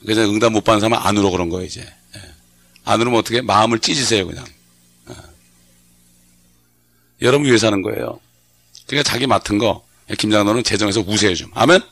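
Gravelly-voiced pastor preaching conversationally. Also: male voice, lowish voice, quick pace, long pauses, fairly bright tone. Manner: conversational preaching with frequent call-and-response questions. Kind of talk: sermon.

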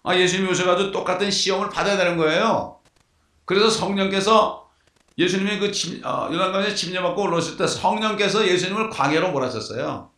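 Gravelly preacher with rhetorical questions. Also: male voice, high-pitched, fast, fairly bright tone. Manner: emphatic, rhetorical questions to the congregation. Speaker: pastor. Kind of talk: sermon. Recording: echoey, from far off the mic.

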